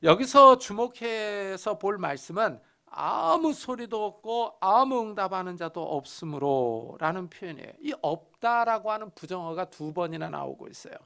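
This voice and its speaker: A man preaching an expository sermon as a pastor, telling a Bible story with dramatic pauses and emphasis. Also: high voice, vocal fry, sharp tone.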